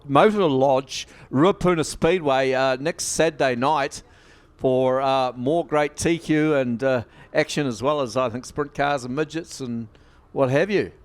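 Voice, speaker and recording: A man calling live speedway races as commentator, excitable and quick in the action and calmer between races. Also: on the high side. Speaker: race commentator. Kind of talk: live motorsport race call. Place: outdoor speedway commentary position. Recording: loud speedway engine noise behind.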